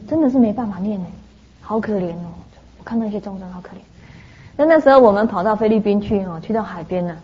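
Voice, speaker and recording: A woman with a mid-range voice delivers a Buddhist sermon, telling lively anecdotes sprinkled with frequent "ah" fillers. The sound is lo-fi.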